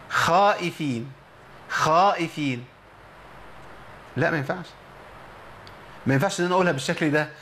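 A man with an Egyptian accent teaching Quran recitation on a program, explaining patiently and drawing out example words slowly. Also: on the high side, fairly bright tone, a little hiss or hum. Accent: Egyptian Arabic. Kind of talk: tajweed lesson on a program.

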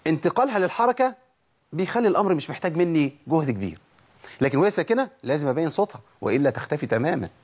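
A man with an Egyptian Arabic accent teaching Quran recitation, explaining letter sounds step by step and demonstrating them slowly. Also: on the high side, big pitch swings, breathy edge. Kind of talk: tajweed lesson.

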